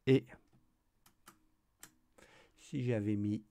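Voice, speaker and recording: Relaxed tutor thinking aloud; slow pace, low dark voice. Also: male voice, vocal fry, dry recording. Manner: relaxed, hesitant, thinking aloud with many fillers. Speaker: tutorial host. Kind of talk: screen-recorded coding tutorial.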